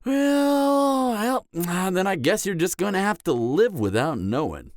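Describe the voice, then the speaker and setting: Here a man uses a high-pitched, sing-song, exaggerated voice to play a flirtatious, cocky, dangerous adult male vampire and former killer in an audio roleplay. He teases the listener with a smug, seductive drawl and dramatic pauses. The studio recording is clean, with no echo.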